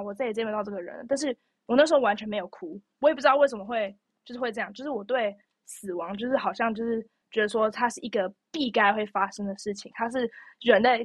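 Young woman, podcast co-host; fast, chatty, animated storyteller, dry studio sound. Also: fairly high pitch, no echo. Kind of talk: casual chat.

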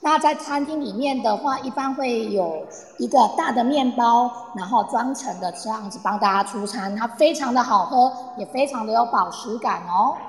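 Playing a tour guide in a radio play, a woman sounds eager and chatty, explaining patiently and coaxing her listeners along. She speaks at a moderate pace with few pauses, in a slightly high voice close to her everyday one. Reverb from the room gives it an echoey sound.

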